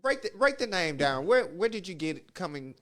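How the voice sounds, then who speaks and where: A man's voice: sits high, a little fast. Hyped-up male talk radio host. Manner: hyped-up, energetic intro.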